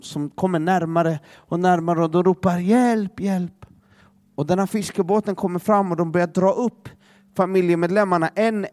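High-voiced preacher man. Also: dry recording, studio quality. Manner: dramatic, drops to a hush for emphasis; repeats words as he restarts. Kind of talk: sermon storytelling.

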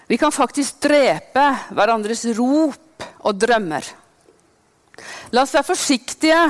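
A woman preaching a sermon with passion, dropping to hushed whispers and then rising to loud proclaiming. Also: high-pitched.

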